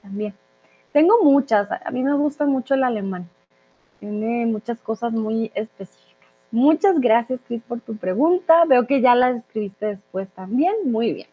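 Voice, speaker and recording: A woman from Colombia, a language teacher, casually answering viewer questions in a live chat, often pausing on "eh". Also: on the high side, expressive. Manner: chatty, with frequent "eh" fillers. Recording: thin phone-like audio.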